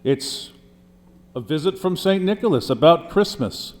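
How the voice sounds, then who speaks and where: A man's voice: on the high side, animated, measured pace, darkish tone. A man playing a deceased poet testifying as a witness in a mock trial, explaining at length with frequent restarts. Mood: earnest. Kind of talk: mock trial role-play. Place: courtroom. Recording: long hall reverb.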